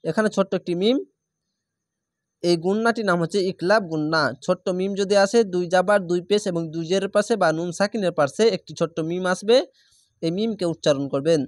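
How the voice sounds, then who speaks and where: A man with a Bangladeshi Bengali accent teaching Quran reading rules step by step, with slow drawn-out recited examples. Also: high-pitched, no echo, studio quality. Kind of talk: spelled-out Quran recitation lesson.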